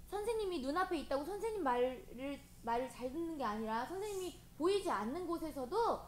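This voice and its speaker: A woman preaching to children, animated and gently coaxing, often asking them questions. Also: high-pitched, brisk. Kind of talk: children's sermon. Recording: echoey room with faint hiss.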